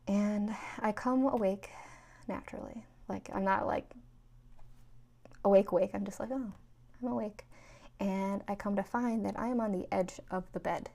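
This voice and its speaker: A woman's voice: mid-range voice, fairly even intonation, moderate pace, gravelly, mellow. A woman from New York telling stories in a casual, rambling way, full of fillers, as a spiritual vlogger. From New York, USA. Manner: chatty, rambling, with many 'like' and 'um' fillers. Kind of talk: casual storytelling.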